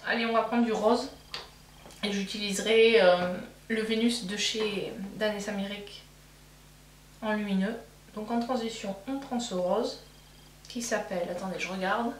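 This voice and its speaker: Heard from a distance, this woman speaks at a medium pitch in a steady tone, a little slowly. She's a beauty vlogger doing her makeup and chatting casually, thinking out loud with many fillers, restarts, and corrections of herself. The room echoes, her voice comes from off-mic, and a faint hum runs in the background.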